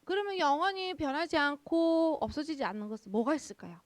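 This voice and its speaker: Young woman preaching to kids, high pitched, keeps asking them stuff and answering herself, dry close mic. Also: a little fast, no room sound. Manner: animated, asks children questions and answers them herself. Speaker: children's ministry pastor. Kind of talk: children's sermon.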